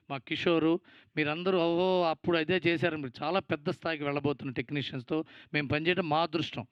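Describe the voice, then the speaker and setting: A man's voice: fairly high pitch, clean tone, dry recording, highs cut off. A Telugu-accented man giving a producer's speech at a film event, rambling, thankful and teasing. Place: event stage.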